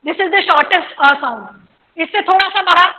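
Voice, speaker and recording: Indian woman English teacher, slow deliberate lecture, bright high voice, repeats examples. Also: lively intonation, low-quality recording. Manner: drills words slowly, repeats examples, checks understanding. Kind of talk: classroom lecture on pronunciation.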